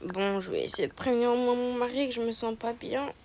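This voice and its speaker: A woman's voice: fairly high pitch, a little fast, darkish tone, slight background noise, close to an everyday voice. A woman playing a sick, weary young wife. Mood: tired. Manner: weak, tired, slightly nauseous voice. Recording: music playing behind.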